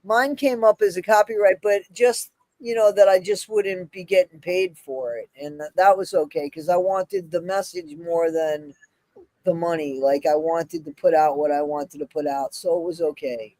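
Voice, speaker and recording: A woman's voice: fairly low pitch, normal speed, mellow, no room sound, low-quality recording. A woman chatting casually on a live stream as a channel creator, emphatic and repeating phrases for stress.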